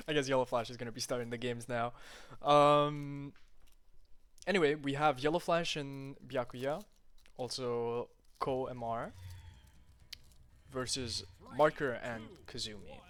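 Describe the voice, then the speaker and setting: A man casting a live online game tournament, calling the action quickly with lots of fillers and casual swearing, then chatting loosely with the stream chat between matches. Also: medium pitch. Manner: rapid, excitable calls with frequent fillers and casual swearing. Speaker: esports tournament caster. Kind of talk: live play-by-play game commentary.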